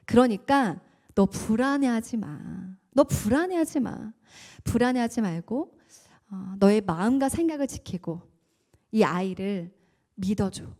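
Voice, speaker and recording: A woman voicing God as a slow, calm, reassuring presence speaking to a mother. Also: fairly high pitch. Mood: gentle reassurance.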